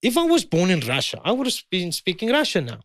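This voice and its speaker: A man's voice: high voice, huge pitch swings, fast, a bit bright, no echo. South african guy in his 50s, talks up and down a lot, keeps repeating himself, dry close sound. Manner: emphatic, repeats his points. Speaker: guest. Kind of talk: heated conversation.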